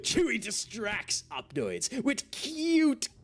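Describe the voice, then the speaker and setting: A man voicing a melodramatic storybook narrator of cute pets, with drawn-out, exaggerated delivery. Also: very high-pitched, huge pitch swings, background noise, pitched above the performer's own voice, exaggerated voice. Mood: mock-epic.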